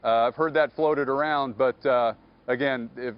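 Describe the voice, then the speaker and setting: A man speaking as a police captain in a live TV news interview, measured and guarded, often filling pauses with "uh" and "you know". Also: mid-range voice, steady tone, clean tone, lo-fi sound. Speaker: police captain, investigation spokesman.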